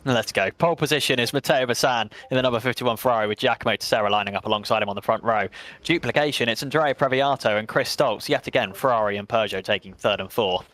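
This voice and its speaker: A man's voice: medium pitch, fairly bright tone, dry recording. English man calling a sim race. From England. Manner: brisk, chatty play-by-play with self-mocking asides. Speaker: race commentator. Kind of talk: sim racing commentary.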